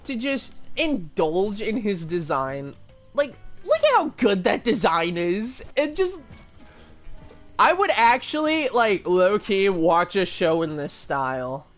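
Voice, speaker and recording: Unhurried, lively-pitched streamer, chatty and tangent-prone, faint music under. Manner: rambling, chatty, trails into tangents and restarts. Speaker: gaming streamer. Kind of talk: casual live-stream commentary.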